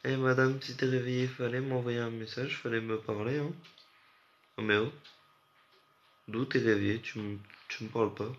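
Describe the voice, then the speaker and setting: A man's voice: medium pitch, level tone, normal speed, pauses often. A young man from France, sleep-deprived, chatting with viewers on a late-night stream in a rambling, slangy way. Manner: rambling, slangy, talks straight to chat. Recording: muffled lo-fi audio with faint hiss.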